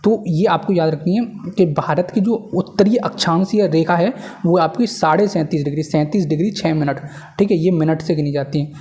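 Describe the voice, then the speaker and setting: A man with a fairly high, warm voice lectures informally at a board at a normal speed, preparing students for an exam. He repeats the key points and keeps using tag phrases to check that his listeners are following.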